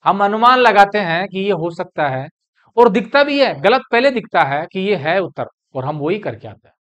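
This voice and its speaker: A man's voice: high-pitched, big pitch swings, moderate pace, fairly bright tone. A middle-aged man teaching Hindi grammar as a classroom lecture, asking questions and answering them himself. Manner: explains step by step, asks and answers his own questions.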